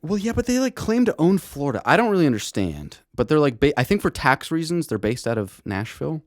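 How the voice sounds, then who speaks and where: A man's voice: fairly high pitch, sing-song, fairly quick, dry recording, studio quality. A young man hosting a casual podcast chat, rambling and profane, with lots of restarts and laughter. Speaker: podcast host.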